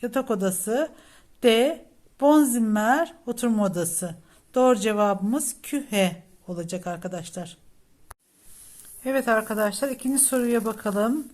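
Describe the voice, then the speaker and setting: A woman teacher, going through exam questions one by one, reading each option aloud and then giving its meaning. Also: on the high side. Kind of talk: exam prep lesson walking through test questions.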